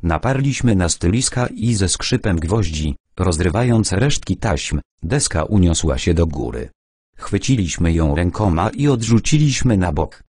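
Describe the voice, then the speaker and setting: A male audiobook narrator with a low, deep voice who tells the story in the first person at a measured pace. The sound is dry and close, with no room around it. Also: sing-song, darkish tone, slightly rough, dry recording.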